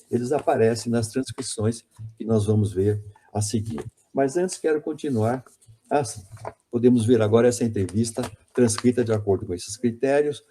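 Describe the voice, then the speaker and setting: A man's voice: medium pitch, dark tone, slight background noise. A man giving an academic conference lecture on linguistics, hesitant and self-correcting, often repeating words.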